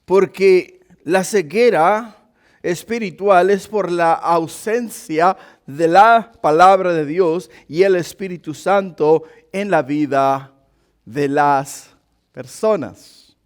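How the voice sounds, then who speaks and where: A man with a hoarse, croaky frog voice preaching and praying as a pastor, using emphatic repetition and questions to his congregation. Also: fairly high pitch. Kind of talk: sermon with prayer and scripture reading.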